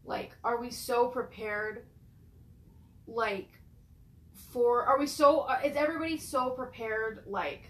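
A woman's voice: a little high, takes it slowly, a bit bright. A woman in casual chat who swears freely and often stammers and restarts her sentences. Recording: roomy echo.

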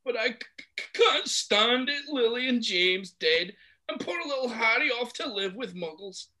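A man putting on a big, shaggy, soft-hearted giant who stammers and chokes up. His rustic speech sits high and bright, swinging widely in pitch, and it sounds a little away from the mic. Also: animated, moderate pace, exaggerated voice. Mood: tearful. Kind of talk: amateur audiobook reading.

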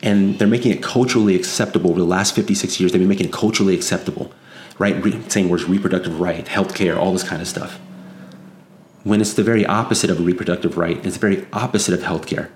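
A man's voice: low voice, fast talker. A man delivering an unscripted opinion monologue as a commentator, earnest, insistent and moralizing, warning of threats and repeating phrases for emphasis. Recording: echoey room, faint background noise.

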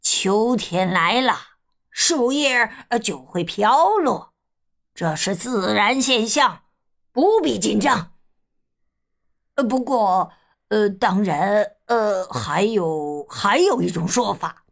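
Woman putting on a old rooster, hushed, mysterious, hesitant, slow, storybook. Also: medium pitch, expressive, gravelly. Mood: calming.

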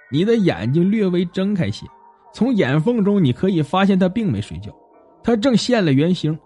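A man voicing a stern, knowing old Taoist priest who gives grave warnings in a low voice. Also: mellow, breathy edge, full character voice.

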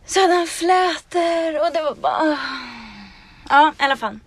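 A woman hosting a podcast, telling a story in casual chat, animated and laughing. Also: extremely high pitch. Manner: animated, laughing, acts out dialogue. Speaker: podcast host.

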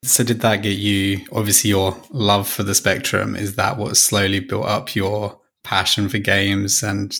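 A man's voice: on the low side, completely flat delivery, unhurried, few pauses, fairly bright tone. A man co-hosting a podcast, chatting and asking questions in a friendly, informal manner. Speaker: podcast co-host. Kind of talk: casual chat and interviewing.

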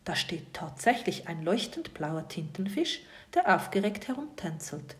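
A woman reads a bedtime story in a soft, often whispered voice. Her intonation is lively and melodic, and she speaks straight to the listener. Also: lowish voice, measured pace.

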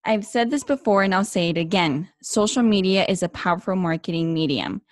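A woman with a lowish voice speaks briskly as she hosts her own interview podcast, with soft music in the background. She begins with a friendly scripted intro before asking her questions.

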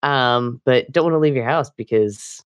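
A woman's voice: very deep voice, normal speed, smooth. A woman co-hosting a gaming podcast in casual chat, teasing and laughing often. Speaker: podcast co-host.

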